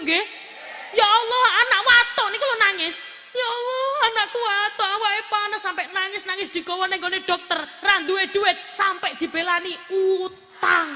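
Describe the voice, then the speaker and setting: A woman with an East Javanese accent preaching a sermon to a live crowd, telling stories with humor, acting out family members, and asking the audience questions. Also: very high voice. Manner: lively storytelling, acting out quoted family members. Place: large gathering hall or open-air stage. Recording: long hall reverb from a live event PA.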